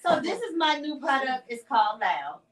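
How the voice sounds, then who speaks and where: A chatty woman in her fifties hosts a radio talk show and pitches products to her guests. Her voice sits a touch high. The sound is roomy, with her a bit back from the mic. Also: very animated, normal speed, a bit bright, far from the mic, a little hiss or hum. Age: 50s. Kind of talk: casual chat. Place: radio studio.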